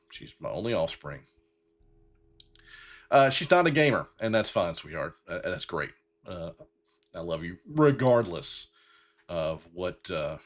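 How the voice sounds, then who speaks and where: Man in his fifties, low voice, lively up-and-down delivery, halting, full of ums and restarts. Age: 50s. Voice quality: bald-headed. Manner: rambling with many fillers and restarts. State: getting emotional. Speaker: podcast host. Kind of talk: heartfelt solo talk.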